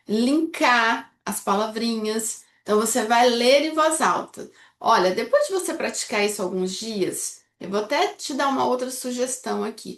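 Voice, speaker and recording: A woman from Brazil with a high voice teaches an online lesson, walking through steps one at a time and pausing often to check that the viewer follows. Her voice bounces a little off the walls of an echoey room. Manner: explains step by step with frequent checks like "tá?" and "certo?". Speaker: English teacher. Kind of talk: instructional video lesson.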